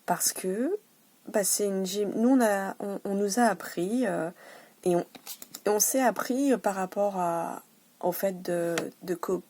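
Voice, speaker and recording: A woman working as a wellness coach, speaking casually and encouragingly, with hesitant restarts, sometimes dropping to a soft hush to guide breathing exercises. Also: medium pitch, a little slow. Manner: drops to a soft hush while guiding breathing. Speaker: wellness coach offering private sessions and massages. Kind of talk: casual self-help talk with guided breathing.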